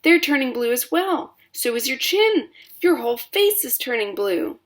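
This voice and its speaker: A woman's voice: very animated, normal speed. A woman doing a shrieking, panicked mother. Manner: high shrill screaming.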